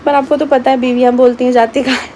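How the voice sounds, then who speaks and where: A woman's voice: high voice, flat delivery, fast talker, dark tone, slight background noise. A young woman chatting casually to her vlog viewers and reassuring her mother-in-law. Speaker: vlogger. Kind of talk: casual family vlog talk.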